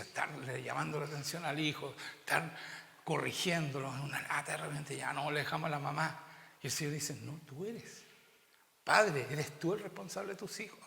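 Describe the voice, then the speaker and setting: A man's voice: a little high, gravelly, sharp tone. A middle-aged man with a Chilean accent preaching a sermon as pastor, often asking the congregation rhetorical questions. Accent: Chilean Spanish. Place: church. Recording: roomy church hall reverb.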